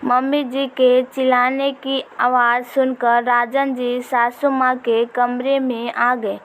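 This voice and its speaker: Slow, high-voiced woman storyteller. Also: level tone, slight background noise, rough recording. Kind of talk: first-person scripted story narration.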